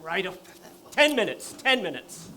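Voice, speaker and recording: A man's voice: high-pitched, sing-song, a little slow, bright, forceful tone, a little hiss or hum, heavily acted. A man on stage playing a stage director who talks in a pompous, condescending and flowery way. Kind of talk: stage play acting.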